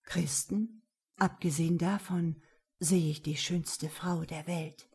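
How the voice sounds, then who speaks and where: Brief: woman doing a devoted, impulsive young man, earnest, mellow husky tone. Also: on the low side, moderate pace.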